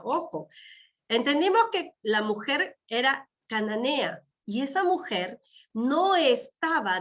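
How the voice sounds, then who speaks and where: A woman preaches a sermon at an unhurried pace, her high voice carrying over an online call through earphones. She repeats key phrases, asks her listeners questions and drops in amen between points. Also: a bit bright. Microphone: wearing earphones with a mic.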